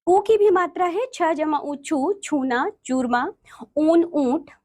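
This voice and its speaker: A woman with a high voice teaches a grammar lesson to children. Her pitch rises and falls in a lively way, and she slows down to spell out each letter while talking straight to the class. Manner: slow, deliberate spelling-out of letters; addresses children directly.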